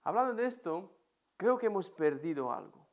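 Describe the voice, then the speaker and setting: A man's voice: high-pitched, sing-song, moderate pace, dull audio. A man with an accent from Spain, preaching a sermon in an empty church and telling a personal story vividly. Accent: Spain Spanish. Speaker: pastor.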